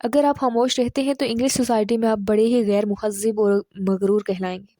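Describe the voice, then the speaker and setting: A woman narrating a language lesson in a measured, explanatory way, slowing down to speak the English example phrases. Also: on the high side, fairly even intonation, warm tone, no room sound. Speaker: English teacher.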